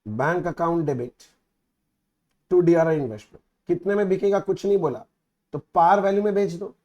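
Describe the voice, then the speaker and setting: Male accounts teacher with a high-pitched voice. Casual lecture delivery, mixes Hindi and English, keeps checking in with the class. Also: moderate pace, darkish tone, highs cut off. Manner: mixes Hindi and English, asks students frequent check-in questions. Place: recorded teaching video.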